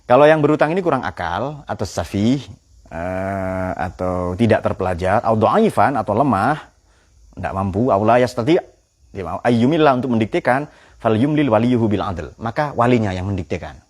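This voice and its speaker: A man with a lowish voice speaks at a normal pace, delivering a Quran exegesis lecture. He's a lively, joking storyteller who quizzes his audience and cracks jokes along the way.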